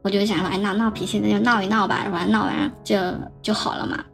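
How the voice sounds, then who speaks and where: A young woman telling her own story on a podcast, halting and often repeating words as she recounts past conversations. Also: medium pitch, fairly even intonation, creaky, faint music behind. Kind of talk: personal storytelling.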